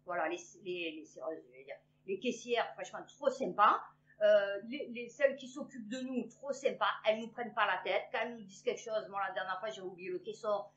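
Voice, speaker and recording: A woman's voice: mid-range voice, brisk, fairly bright tone, slight background noise. A woman in her fifties reads news headlines and comments on them in a rambling, sarcastic way, with many fillers. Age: 50s. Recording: dull lo-fi recording.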